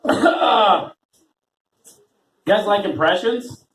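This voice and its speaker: Hosting an open mic, a man with a high, fairly bright voice runs through a rambling, self-deprecating stand-up set, drawing out words with lively intonation and laughing often. The small venue's audience chats audibly, and the roomy recording is taken from far off.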